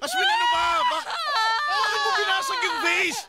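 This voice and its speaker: An actor playing a young husband and father in a radio drama, pleading with his wife and soothing his baby, then shouting in panic. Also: mid-range voice, animated, moderate pace, over a noisy crowd, heavy background noise, natural voice. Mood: frantic. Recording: radio drama with loud music underscore.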